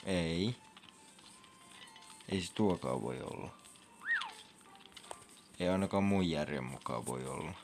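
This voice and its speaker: A young man with a low, gravelly voice chats his way through a video game. He jumps into loud whoops and squeals when something happens on screen, and a faint game soundtrack plays underneath. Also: expressive, pauses often. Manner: chatty, reacts loudly with whoops and squeals to game events. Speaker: gaming vlogger. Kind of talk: casual gameplay commentary. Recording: faint game music behind.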